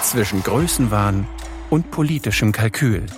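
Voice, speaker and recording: A man's voice: fairly low pitch, animated, unhurried. A man announcing a radio podcast promo in a polished, emphatic way. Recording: voice over music bed.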